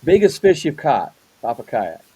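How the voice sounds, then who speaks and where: A man's voice: a little high, big pitch swings, normal speed, crowd noise, low-quality recording. A man hosting a casual interview, rambling a little, often repeating words and restarting his questions. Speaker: host.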